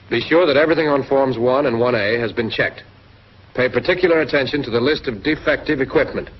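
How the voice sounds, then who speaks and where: This training-film narrator is a man whose medium-pitched voice has a slightly rough quality. He reads a script straight to the audience, direct and instructive, over what sounds like a dull lo-fi 1940s film soundtrack.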